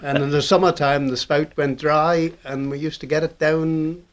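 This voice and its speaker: A man's voice: a little high, steady tone, normal speed, a little hiss or hum. An older man from the Isle of Man with a Manx accent, telling anecdotes as an interviewee. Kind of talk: anecdotal storytelling.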